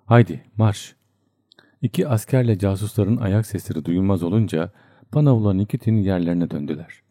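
A man narrating a literary audiobook in a measured, even storytelling manner. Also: low voice, no echo, studio quality.

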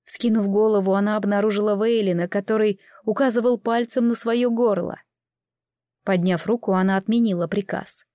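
A woman narrating a fantasy audiobook in a steady storytelling voice. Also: mid-range voice, normal speed, no echo, studio quality.

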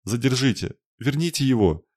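Мужчина изображает отчаянную молящую девушку. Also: male voice, lowish voice, expressive, moderate pace, darkish tone, voice pushed up, lightly acted. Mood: desperate. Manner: pleading, tearful. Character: young woman, desperate and pleading. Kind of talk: audiobook narration.

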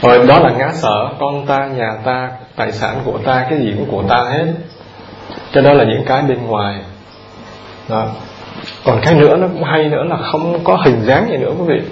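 A man's voice: medium pitch, a little fast. A Buddhist monk giving a conversational dharma talk, repeating words and putting questions straight to his listeners. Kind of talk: dharma talk to a lay audience. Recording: roomy, dull lo-fi recording with audience.

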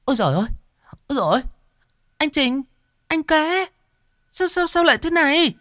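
Shrill village woman as a man voices her, high, hot-tempered, storytelling. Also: animated, moderate pace, no echo, studio quality. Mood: alarmed.

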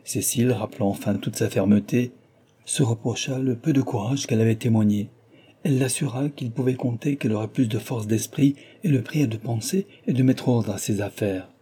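A man narrating a classic novel aloud in a measured, literary manner. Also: mid-range voice, mellow, husky. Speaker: audiobook narrator.

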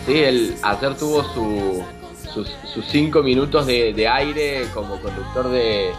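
Co-hosting a casual conversation about a TV show, a man with a Rioplatense Spanish accent from Argentina speaks slowly at medium pitch, with music in the background. He sounds enthusiastic and tends to repeat words while thinking.

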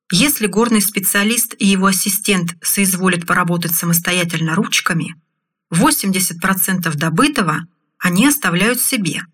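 Audiobook narrator: a woman with a husky voice and a steady, even read. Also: mid-range voice.

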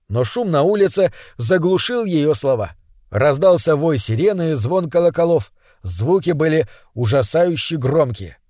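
A man's voice: fairly high pitch, darkish tone, no room sound. Man reading a story, dry close sound. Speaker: narrator. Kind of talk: scripted story narration.

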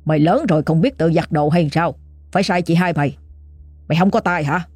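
A woman's voice: fairly low pitch, lively intonation, fast, a little mellow, breathy edge, no room sound, faint music behind. A woman voicing a stern, commanding aging father, giving curt orders.

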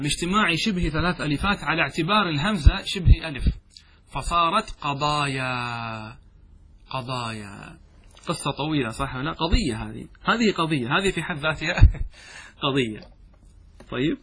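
A man's voice: fairly high pitch, pushed and bright, slight background noise. A man teaching a classroom grammar lesson as a sheikh. He keeps asking the students questions, repeats the answers and drags out key words for emphasis.

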